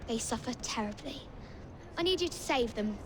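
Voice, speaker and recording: A woman acts out a shrewd young English girl running Victorian street children in a game. Her voice is high and precise, with a businesslike confidence, over clear background noise. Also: expressive, moderate pace, natural voice. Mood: earnest. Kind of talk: video game cutscene acting.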